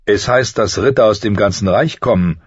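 A man's voice: on the low side, normal speed, husky, no echo, voice pushed up. A man voicing an eager, loyal captain of the guard in an audiobook. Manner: eager reporting tone. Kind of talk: audiobook character voice. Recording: slightly muffled dry recording.

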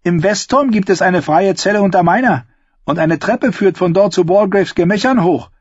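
A soft, eager young novice offers help in a high voice, as a male narrator puts him on. A husky grain stays underneath. The recording is dull, dry and lo-fi. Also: normal speed, no echo.

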